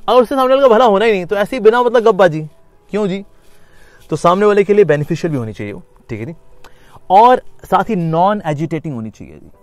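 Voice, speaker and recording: A man teaching a spiritual course, mixing Hindi and English, lively and explanatory, sometimes acting out inner voices with sing-song repetition. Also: high-pitched, quick pace, no room sound. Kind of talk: Gita lecture.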